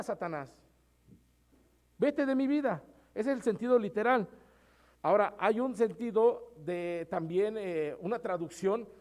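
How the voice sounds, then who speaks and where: A man's voice: high-pitched, a little mellow. A male pastor, preaching a sermon in a conversational way and often addressing the congregation as brothers.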